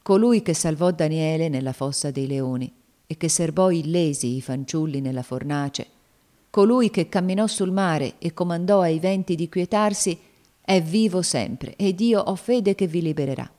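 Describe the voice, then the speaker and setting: Woman reading as Uncle Tom, devout and gentle. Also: deep voice, moderate pace, close to an everyday voice. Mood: gentle, faithful. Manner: earnest, solemn pleading. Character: devout gentle older man, steadfast.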